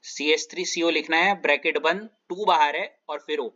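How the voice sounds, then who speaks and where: एक आदमी, जो रसायन विज्ञान का शिक्षक है, ऑनलाइन क्लास में कदम दर कदम समझाता है और बार-बार छात्रों से पूछता है कि समझ आया या नहीं।. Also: male voice, fairly high pitch, fairly even intonation, moderate pace, pushed and bright, lo-fi sound. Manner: explains step by step, checks students often. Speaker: chemistry teacher. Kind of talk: online class lecture.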